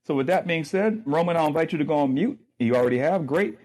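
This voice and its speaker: A man's voice: fairly high pitch, animated, fast talker, darkish tone. A man hosting and moderating a sports debate show, easygoing and full of ums. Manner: easygoing, filler-heavy moderator.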